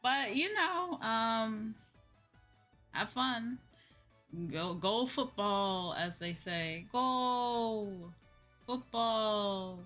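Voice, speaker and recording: A woman with a slightly high, somewhat bright voice speaks extremely slowly as she hosts a livestream over background music. Working as a virtual streamer, she chats casually with viewers, rambling, thinking aloud, and circling back over her points.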